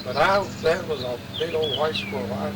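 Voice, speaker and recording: Older west virginia appalachian guy spinning yarns, kinda high voice, mic far away. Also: moderate pace. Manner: folksy, rambling, colloquial. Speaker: interviewee sharing family memories. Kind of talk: casual oral-history storytelling. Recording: distant mic, clear outdoor traffic noise.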